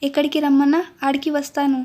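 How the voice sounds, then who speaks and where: A woman's voice: high-pitched, monotone, quick pace, a little mellow, lightly acted. A woman voicing a stubborn village bride who scolds in rustic village speech. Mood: scolding.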